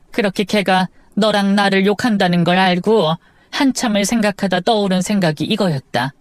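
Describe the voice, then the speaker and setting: A woman's voice: mid-range voice, no room sound, natural voice. A woman voicing a remorseful older mother-in-law. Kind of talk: drama audio story.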